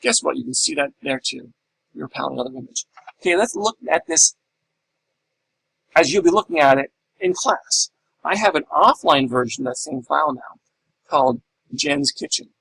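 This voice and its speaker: A man's voice: fairly high pitch, very animated, normal speed, gravelly, pauses often, fairly bright tone, husky, low-quality recording. A middle-aged man teaching a class in a recorded lecture, explaining step by step and asking and answering his own questions. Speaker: instructor.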